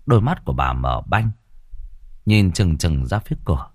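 A man narrating a ghost story in a measured, expressive storytelling manner. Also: sits low, dry recording, studio quality.

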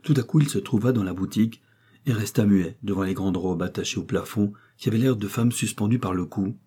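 A man narrating a classic novel as an audiobook in a measured, expressive reading. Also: lowish voice, breathy edge.

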